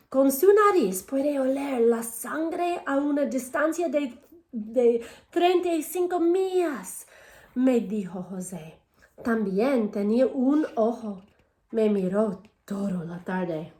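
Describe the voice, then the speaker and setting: In an echoey room, a woman teacher reads a picture book aloud to young children, first in English and then in Spanish, pausing to ask the class questions. Her voice is a little high, a little mellow and animated, at a measured pace.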